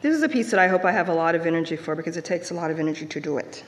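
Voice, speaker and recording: A woman poet giving a live poetry reading, reciting in a measured, deliberate way. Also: lowish voice, animated, slight background noise. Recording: long hall reverb.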